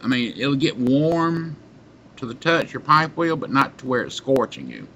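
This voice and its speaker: Casually addressing the camera, a middle-aged pipe tobacco reviewer speaks haltingly and without hurry, with long pauses, from a small dim room. His mid-range voice is very animated with a sharp tone. An arm's-length webcam or computer mic yields muffled sound and background noise.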